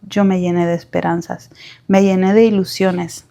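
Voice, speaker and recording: A woman's voice: lowish voice, flat delivery, moderate pace, creaky, dark tone. A woman telling her own life story in the first person, heartfelt and a little hesitant.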